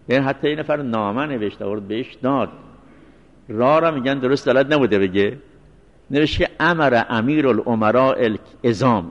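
A male seminary teacher giving a religious law lecture, repeating references slowly and mixing in recited phrases. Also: medium pitch. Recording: long reverberant hall sound.

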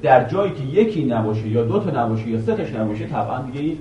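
A male teacher giving a classroom grammar lesson, quizzing his students with questions and reciting a verse slowly again and again. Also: medium pitch, expressive, dark tone, highs cut off, a little hiss or hum. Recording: echoey room, voice from a distance.

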